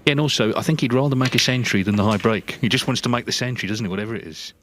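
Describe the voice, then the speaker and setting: A man giving live snooker commentary in a measured, conversational, analytical way. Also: medium pitch, fairly bright tone, slight background noise.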